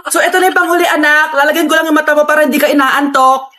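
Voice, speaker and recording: A woman acting out animated storytime skits, voicing every character with exaggerated, theatrical delivery. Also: high voice.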